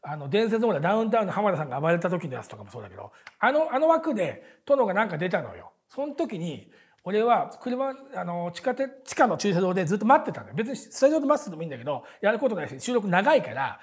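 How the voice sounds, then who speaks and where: Man, 40s, talk host, very husky voice, lively pitch, rambling, lots of fillers, laughs a lot. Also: fast. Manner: chatty storyteller, many fillers and restarts; laughs often while talking. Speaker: podcast host. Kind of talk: casual rambling monologue.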